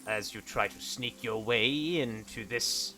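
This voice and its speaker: A man's voice: mid-range voice, slow, pushed and bright, slight background noise, heavily acted. A man voicing a stern old hermit monk, a solemn and cryptic mentor, in a tabletop game. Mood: stern, disdainful. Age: older. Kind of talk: tabletop role-play character voice.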